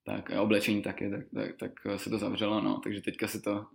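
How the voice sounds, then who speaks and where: A man telling loose, rambling stories as a guest, laughing often and filling pauses with lots of small words. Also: fairly low pitch, monotone, vocal fry. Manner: rambling, laughing, full of fillers. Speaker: guest rapper. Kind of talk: casual storytelling.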